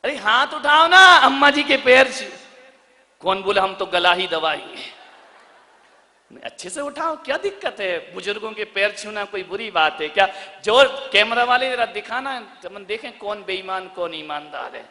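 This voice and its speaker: A man preaching a theatrical sermon as a Jain monk, swinging from soft asides to shouted lines and acting out household dialogue. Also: high voice, animated, normal speed. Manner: acts out household dialogue in sing-song voices. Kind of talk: sermon to a live audience. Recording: long reverb of a large hall.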